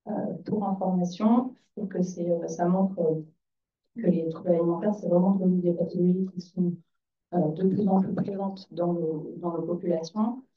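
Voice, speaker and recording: Hoarse, raspy whispery woman presenting. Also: on the low side, fairly even intonation, normal speed. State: hoarse, voice nearly lost. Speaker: child psychiatrist presenting at a conference. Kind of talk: conference presentation. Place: conference room. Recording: echoey, distant, dull hall microphone.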